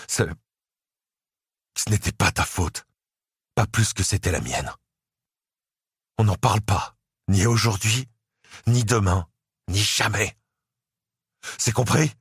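A man's voice: slow, long pauses, fairly bright tone, breathy edge, dry recording, studio quality, exaggerated voice. A man voicing a tired, protective older brother who speaks firmly in an audiobook. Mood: forceful. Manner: firm, controlled, low and tired. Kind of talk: audiobook character voice.

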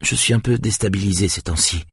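A man's voice: lowish voice, brisk, slightly rough, dry recording, studio quality, voice pushed up. A man reading aloud, voicing a distraught young woman who pleads with her lover. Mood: pleading. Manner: pleading, rising to desperate.

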